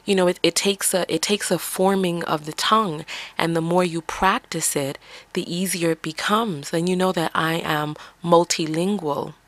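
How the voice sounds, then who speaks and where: Podcast host from the Bronx with a faint New York accent: a woman with a lowish voice who asks earnest, coaching questions. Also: fairly even intonation, moderate pace, dry recording. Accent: slight New York. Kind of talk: reflective solo monologue.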